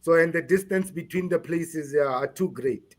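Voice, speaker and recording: A man from South Africa being interviewed on a podcast, speaking haltingly and repeating words while he searches for them. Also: a little high. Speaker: guest.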